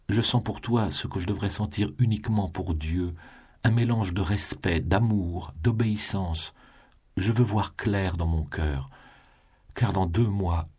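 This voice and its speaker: A guilt-torn noblewoman pours out her love to her condemned lover, as a male reader puts her on. She pleads in a lifted tone that still rests on a very deep, breathy voice. It is read in the manner of an audiobook of a classic novel. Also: mellow, heavily acted.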